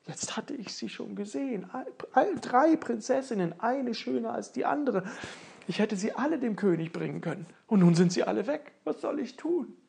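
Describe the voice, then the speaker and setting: A woman voicing a cheerful, simple young wandering man who exclaims loudly. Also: a little high, animated, moderate pace, vocal fry, breathy edge, pitched above the performer's own voice, full character voice. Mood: sad. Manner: loud, delighted exclamations.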